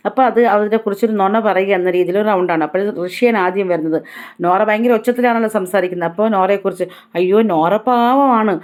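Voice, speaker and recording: A woman's voice: mid-range voice, darkish tone. A woman vlogger giving a chatty, casual recap of a reality show episode, retelling who said what. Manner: chatty, tag-heavy retelling.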